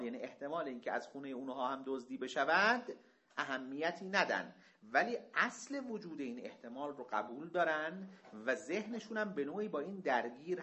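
A man teaching a lesson, reading Arabic passages slowly and then explaining them in a conversational way, often asking rhetorical questions. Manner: asks rhetorical questions, lively pitch swings.

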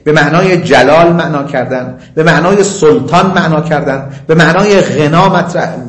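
A man lecturing on religious law, reciting Arabic passages slowly and explaining them in quick, conversational asides. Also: on the high side, echoey room. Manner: slow chanting of quoted Arabic, quick asides. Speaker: seminary lecturer.

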